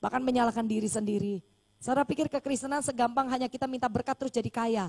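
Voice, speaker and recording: A woman's voice: fairly high pitch, fairly even intonation, fast, darkish tone. A woman pastor, preaching a sermon and telling a story animatedly, acting out the dialogue.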